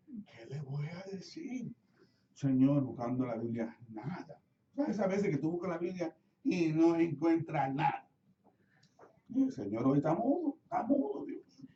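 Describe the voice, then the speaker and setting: A middle-aged Puerto Rican pastor preaches to his congregation in a lively storytelling manner. His voice is dark and mellow, set somewhat high, and it rings through a roomy church from a mic far away. The sound is a little dull. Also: measured pace, slight background noise. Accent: Puerto Rican Spanish. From Puerto Rico. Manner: storytelling, acts out his own prayers, asks the congregation questions. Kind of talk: sermon. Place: church sanctuary.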